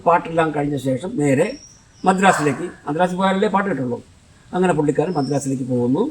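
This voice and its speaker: Fast-talking older man from Kollam. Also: on the high side, far from the mic, low-quality recording. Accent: Kollam Malayalam. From Kollam, Kerala, India. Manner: rambling, conversational, with frequent restarts. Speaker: film director. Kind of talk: reminiscing storytelling.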